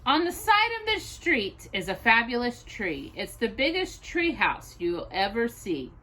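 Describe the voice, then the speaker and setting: Her voice sitting slightly high, a woman takes a measured pace through rhyming children's poems. She reads as a storytime host would, in a lively sing-song aimed at a young listener.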